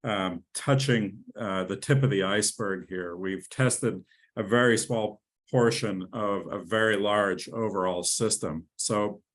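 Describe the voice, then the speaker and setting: Male executive presenter, somewhat low voice, eager and repeats himself. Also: a little slow, fairly bright tone. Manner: enthusiastic, with frequent restarts and fillers. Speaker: company president and CEO presenting. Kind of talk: webinar presentation.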